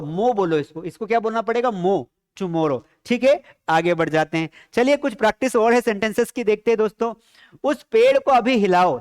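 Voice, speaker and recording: A man teaches spoken English in a live-streamed lesson, drilling sentences, questioning the students constantly, and slowing down to spell out English phrases. His voice is high-pitched, and the studio-quality audio has no room sound.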